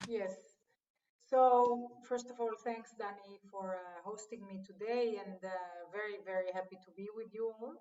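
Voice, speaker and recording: A woman from Israel, a guest in a live online interview, speaking in a friendly, measured way. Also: mid-range voice, fairly even intonation, mellow, far from the mic, dull audio.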